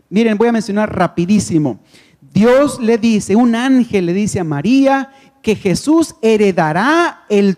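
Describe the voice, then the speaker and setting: A man's voice: sits high, darkish tone, in a large hall. A man giving a Bible lecture at a conference, emphatic, asking the audience questions and answering them himself. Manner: emphatic, repeats key phrases. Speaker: conference speaker.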